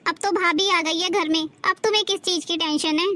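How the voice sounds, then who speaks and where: A woman's voice: very high voice, fairly even intonation, brisk, sharp tone. A young woman playing a married daughter who chatters about her household burdens in a family drama skit. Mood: complaining. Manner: complaining, talkative.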